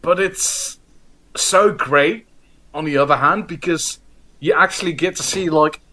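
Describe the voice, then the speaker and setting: Bright, laid-back man on a call. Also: a little high, unhurried, a little hiss or hum. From Netherlands. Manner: laid-back, musing, drifts off softly. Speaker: podcast co-host. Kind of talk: casual chat over a video call. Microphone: video call.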